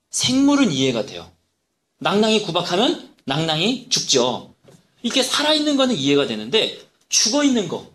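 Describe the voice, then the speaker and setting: A man preaching a sermon as pastor, telling stories in an animated way and acting out the lines he quotes. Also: a little high.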